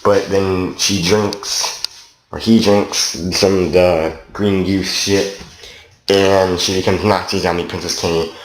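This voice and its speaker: Low-voiced man rambling through a game review. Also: flat delivery, takes it slowly. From Canada. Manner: profane, loose and meandering. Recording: roomy echo, faint noise.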